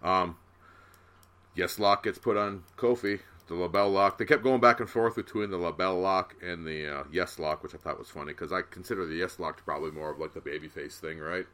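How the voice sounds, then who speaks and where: A man co-hosting a podcast, chatting casually and excitedly recapping a wrestling match, swearing now and then. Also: sits low. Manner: excitable, swearing, quick bursts of enthusiasm. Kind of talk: casual chat.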